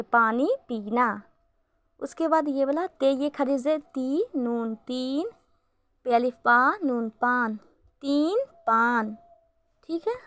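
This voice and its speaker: A woman's voice: high-pitched, fairly bright tone, dry recording. A woman teaching a beginner Urdu reading lesson, patiently spelling out letters syllable by syllable.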